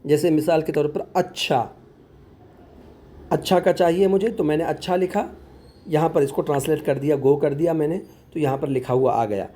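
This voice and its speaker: Mellow-voiced man tutoring step by step. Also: a little high, moderate pace. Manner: patient, repeats words while explaining. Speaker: online tutor.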